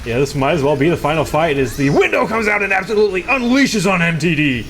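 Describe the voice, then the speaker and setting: A man's voice: a little high, very animated, fast, fairly bright tone. A man giving esports color commentary, chatty and laughing when he trips over names. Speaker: esports co-caster.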